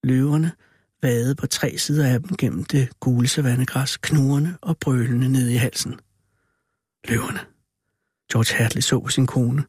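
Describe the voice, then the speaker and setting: A man's voice: medium pitch, darkish tone, husky, no echo, clean studio sound, natural voice. A man voicing a male ape who tells a spooky story with dramatic, theatrical reading.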